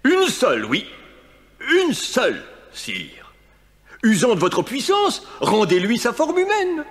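A fussy crab courtier from an audio storybook, deferential and kindly. His high voice swoops extravagantly and lingers slowly on hesitant phrases. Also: wildly swooping pitch, full character voice. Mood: eager. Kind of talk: dramatized children's audio story acting.

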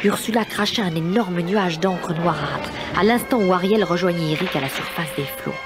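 A woman's voice: on the low side, normal speed. A woman narrating a children's story in a scripted, dramatic style. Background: music.

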